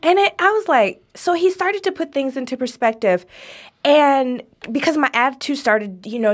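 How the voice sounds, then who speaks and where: Lively storytelling woman podcaster. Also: fairly high pitch. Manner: animated storyteller, laughs often. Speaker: podcast co-host. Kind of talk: casual storytelling chat.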